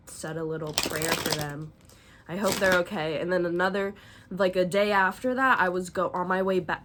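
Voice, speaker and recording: A young New woman talks loosely and at length as a tarot reader, rambling through side stories and swearing now and then. A slight lisp softens her consonants. Her voice sits at an ordinary middle pitch, with faint household noise behind her. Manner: rambling storyteller, swears freely. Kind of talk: casual chatty tarot vlog.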